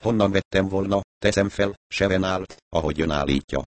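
A man's voice: low-pitched, no room sound, natural voice. Man voicing a stubborn cornered suspect. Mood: defiant. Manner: stubborn, defensive.

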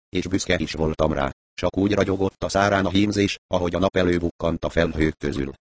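A low-pitched man reads a story aloud in a calm, even way. The sound is close and dry, with no room around it. He lifts his voice a little for the characters' lines. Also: no echo. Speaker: audiobook narrator. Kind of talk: scripted narration.

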